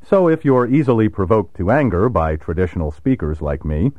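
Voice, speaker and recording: A man's voice: lowish voice, expressive, brisk, no room sound. A man giving a scripted vocabulary lesson, wry and precise, spelling words out letter by letter. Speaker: vocabulary teacher. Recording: dry, slightly dull recording.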